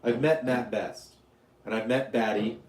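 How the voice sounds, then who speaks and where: A man's voice: mid-range voice, steady tone, unhurried, echoey room, crowd noise. A man from Utah hosting a casual live stream, rambling, joking and answering questions from his chat. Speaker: YouTube livestream host.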